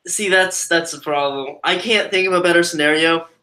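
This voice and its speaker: A man with a bright, pushed voice on the high side talks at normal speed as a guest on a live stream. The chat is casual, and he rambles, cutting himself off mid-thought.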